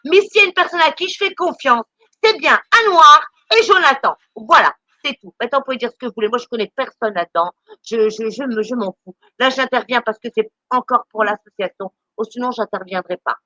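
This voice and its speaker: A woman's voice: on the high side, fairly quick, pushed and bright, no room sound. A woman doing charity work, ranting on a live stream, indignant and scolding, stammering and repeating words as she talks. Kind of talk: impassioned live-stream rant.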